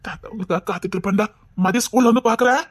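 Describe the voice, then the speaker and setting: A performer with a Tirunelveli accent playing a tender, doting old grandfather in a comedy skit, talking slowly and fondly. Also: mid-range voice, no room sound, studio quality, natural voice. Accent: Tirunelveli Tamil. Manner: slow, fond and pleading, breaking into sobs. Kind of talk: skit acting.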